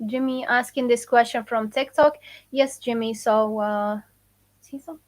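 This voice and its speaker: A woman's voice: a little high, fairly even intonation. Woman teaching slang on a live. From Morocco. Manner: casual, repeats phrases slowly for learners; answers viewer questions. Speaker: Moroccan Arabic teacher. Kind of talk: live-stream language lesson.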